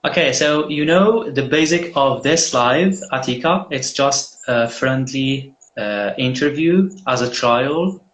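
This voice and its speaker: A man's voice: medium pitch, slow pace, few pauses, fairly bright tone, slight background noise. A man hosting a live online mock job interview over a video call, speaking in a friendly, hesitant way with frequent fillers.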